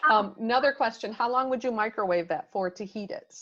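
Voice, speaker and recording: A woman's voice: on the high side, fairly quick, a bit bright, muffled recording, a little hiss or hum. A woman co-hosting a cooking class, relaying viewer questions in casual, friendly chat. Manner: friendly, laughs easily. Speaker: co-host reading viewer questions.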